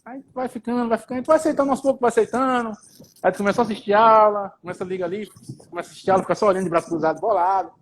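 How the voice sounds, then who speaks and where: A man's voice: high-pitched, very fast, a little hiss or hum, poor audio. A man with a Brazilian accent telling his story in a casual live interview, informal and swearing as he goes, often repeating himself. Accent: Brazilian Portuguese. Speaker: guest.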